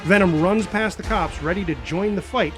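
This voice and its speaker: Over music, a man with a high voice reads the stage directions of a scripted superhero action scene at normal speed. His delivery is dramatic, and he voices the sound effects himself.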